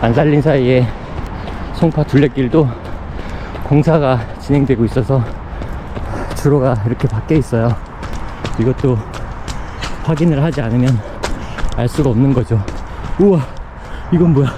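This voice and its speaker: A man's voice: medium pitch, normal speed, pauses often. A man speaking in short phrases while running, in a reflective, casual vlog monologue. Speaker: running vlogger. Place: outdoors on city running paths. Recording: clear outdoor urban noise, passing traffic.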